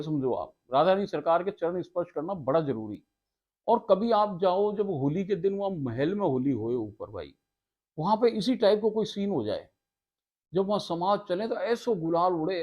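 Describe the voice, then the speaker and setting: A devotional storyteller gives a talk, reading out scripture passages and filling the gaps with casual asides and frequent laughter. He's homely in manner and calls his listeners sarkar. His voice is high and the sound is lo-fi.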